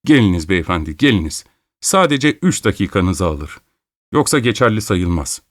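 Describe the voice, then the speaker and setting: A man voicing an excited young male lawyer who shouts orders in a hurry. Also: sits low, normal speed, no room sound, clean studio sound. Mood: eager. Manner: shouting urgently.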